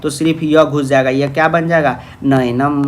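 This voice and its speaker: A man's voice: a little high, fairly even intonation, normal speed. A young man teaching grammar in an online lecture, affectionately calling students "babu" and asking their questions himself.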